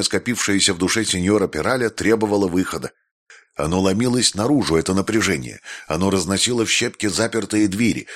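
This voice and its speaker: A man narrating an audiobook, reading the prose and acting out the characters' voices. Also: low-pitched. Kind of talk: scripted narration.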